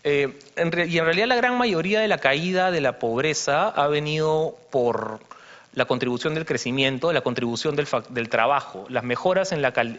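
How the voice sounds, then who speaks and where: A man's voice: mid-range voice, fairly bright tone. A man giving an explanatory conference presentation on slides, using frequent fillers and tag questions. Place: congress conference hall. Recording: reverberant hall, dull broadcast audio.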